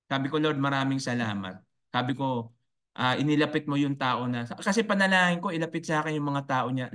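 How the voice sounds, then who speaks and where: Preachy Filipino business coach, high-pitched. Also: male voice, fairly bright tone. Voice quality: voice rises high on emphasis. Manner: preachy, faith-filled, repeats "di ba?" to the audience. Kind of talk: motivational live talk to viewers.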